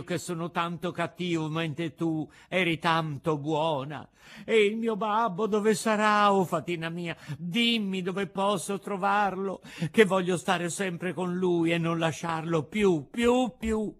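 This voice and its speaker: A man voicing an impulsive, tearful wooden puppet boy in a storybook reading, with a high, wailing, pleading voice. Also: fairly bright tone.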